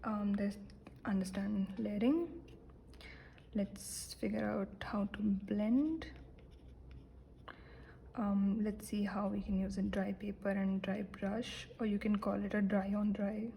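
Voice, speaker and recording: Young woman talking thru a painting lesson, mellow voice, lots of ums and little whispered bits, faint room hiss. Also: mid-range voice, creaky, low-quality recording. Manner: relaxed, self-deprecating, many fillers, drops into soft whispered asides. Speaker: art teacher. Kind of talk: casual painting tutorial.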